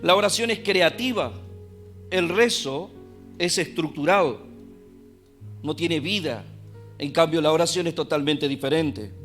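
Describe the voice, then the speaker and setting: A man with an Argentine Spanish accent, preaching a sermon as pastor and swinging from quiet asides to emphatic bursts. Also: fairly high pitch, measured pace, pauses often, soft background music. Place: church.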